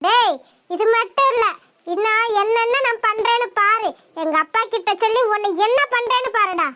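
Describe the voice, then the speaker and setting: A woman's voice: very high voice, normal speed, bright, forceful tone. A woman voicing a bold, defiant young village woman in a cartoon, talking boastfully. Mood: threatening. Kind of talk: cartoon voice acting.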